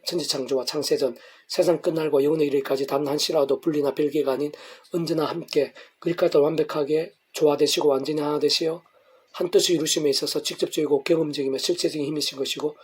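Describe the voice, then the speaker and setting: A man's voice: on the high side, slightly rough. A middle-aged man pastor reading a devotional sermon in long, flowing, earnest sentences.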